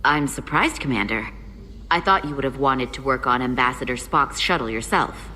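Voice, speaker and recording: A woman's voice: a bass voice, normal speed, sharp tone. A woman playing a guarded, frank starship engineer in a game, with a dry, wry way of talking. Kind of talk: scripted game dialogue. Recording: long reverb, faint ship ambience noise.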